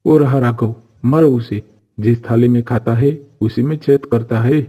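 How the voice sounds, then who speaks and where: An actor playing a greedy, short-tempered village juice seller who scolds harshly, in a cartoon story. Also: male voice, mid-range voice, a little slow, dark tone, slightly rough. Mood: angry. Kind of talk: Hindi cartoon voice acting.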